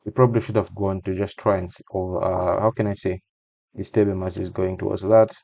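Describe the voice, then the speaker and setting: A man's voice: low voice, little pitch movement, brisk, vocal fry, a little mellow, no echo. A man giving a casual voice-over breakdown of a football match, talking conversationally and repeating phrases for emphasis.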